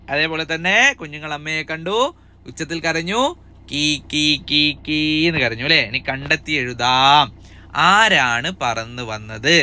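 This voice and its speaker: A cheerful male teacher, walking small children through an exam paper. His voice is very bright and crisply clear, a touch high for a man, and he keeps asking the kids questions to coax them along. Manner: cheerful, coaxing, asks kids many questions. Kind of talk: upbeat exam-prep lesson for young children.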